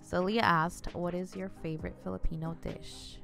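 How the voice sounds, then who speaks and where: A woman in her mid-twenties with a somewhat low voice, co-hosting a relaxed couple's Q&A. She reads the questions aloud and answers with an easy, giggly manner. A close studio mic, with faint music behind. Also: normal speed, creaky. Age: 20s. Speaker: co-host of a couple's channel. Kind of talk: casual Q&A chat. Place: small home studio room. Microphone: studio microphone on a stand, close.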